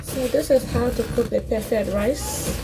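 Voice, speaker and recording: A fairly high-pitched woman speaks at a measured pace in a very noisy recording. She is a Liberian cooking vlogger from West Africa, casually demonstrating a dish in her home kitchen and talking to viewers, often repeating herself.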